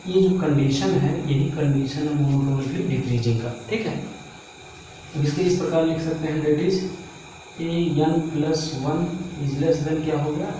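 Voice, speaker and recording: Male math teacher, a touch high, mellow tone, quizzing the class step by step; distant, echoey room sound. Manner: steady step-by-step explaining, quizzing the class with rhetorical questions. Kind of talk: blackboard math lesson. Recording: echoey room, voice from far off, faint noise.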